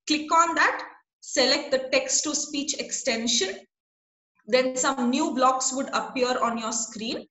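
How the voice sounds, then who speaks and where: A woman's voice: high-pitched, slow pace, sharp tone, echoey room. A woman teaching a class online over a video call. She is patient and checks in often with her students.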